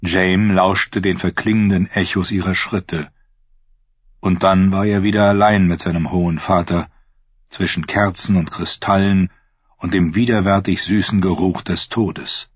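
A man reading an audiobook in a measured, husky voice. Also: deep voice, steady tone, dry recording, muffled recording. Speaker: audiobook narrator. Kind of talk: scripted narration.

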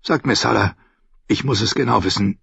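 A man voicing a weary, loyal older sea captain, hoarse and grave, in a storybook reading. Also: lowish voice, moderate pace, a bit bright, no room sound, muffled recording, exaggerated voice. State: hoarse after coughing.

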